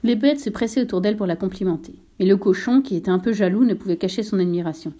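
Brief: woman narrator, storybook reading, soft mellow tone, mid pitch. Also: quick pace.

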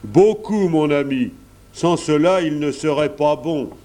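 A man reading a gentle, fatherly gentleman. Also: a little high, unhurried, voice pushed up, natural voice. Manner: gentle, encouraging. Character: kindly older gentleman, fatherly friend. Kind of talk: storybook reading.

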